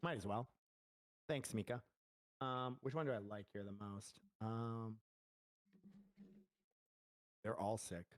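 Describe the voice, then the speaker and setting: With a low, steady voice and a slow delivery broken by frequent pauses, a game studio founder answers viewers' questions in a loose livestream Q&A. His talk rambles, full of fillers and false starts, and there's no echo.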